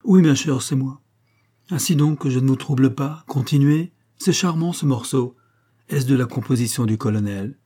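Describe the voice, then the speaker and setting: A man's voice: medium pitch, normal speed, mellow, breathy edge, voice pushed up, lightly acted. A man reading aloud, voicing a suave, mocking male master criminal in an audiobook.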